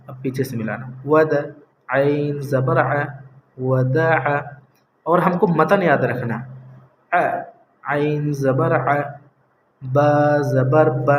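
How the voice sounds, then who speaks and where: A man teaching Quran reading, sounding out syllables slowly and patiently repeating the rules. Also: fairly high pitch, muffled recording. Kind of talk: slow step-by-step lesson. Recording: echoey room with faint hiss.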